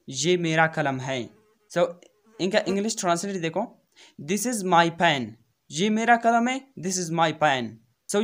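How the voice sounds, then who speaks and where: Slow, deliberate male English teacher. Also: high-pitched. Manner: repeats each example slowly and deliberately; addresses students directly with frequent "okay". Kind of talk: grammar lesson.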